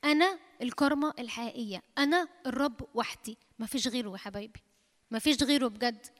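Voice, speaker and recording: Fast, high-voiced Egyptian woman preaching. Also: fairly bright tone. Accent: Egyptian Arabic. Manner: emphatic, repeats phrases, quotes scripture. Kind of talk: sermon. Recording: long hall reverb.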